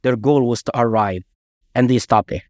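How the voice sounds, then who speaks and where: A man from Egypt, a guest author telling emphatic, animated anecdotes in a casual interview. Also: mid-range voice, moderate pace, dry recording. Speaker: guest, author and army veteran.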